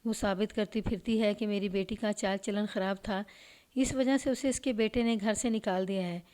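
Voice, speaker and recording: A reluctant, defensive father of a missing girl, as a woman narrator reads him in a storybook crime tale. He talks in an evasive, guarded way, in a plain mid-pitched reading voice. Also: fairly even intonation, a little mellow, lightly acted.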